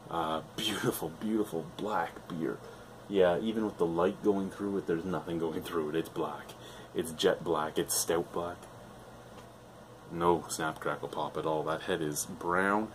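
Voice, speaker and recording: A man's voice: sits low, fairly even intonation, unhurried, noisy background. A middle-aged man reviewing a beer on camera at home, rambling and enthusiastic, swearing freely. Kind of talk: casual beer review vlog. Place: living room at home, indoors.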